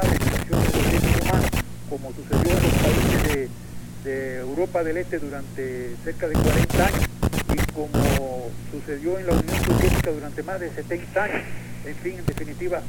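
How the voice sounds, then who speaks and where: An older Cuban man speaks with a Cuban Spanish accent, his voice a little high for a man. He talks haltingly, full of fillers and restarts, as a guest in a radio interview from inside Cuba. A steady hiss of noise sits under the line.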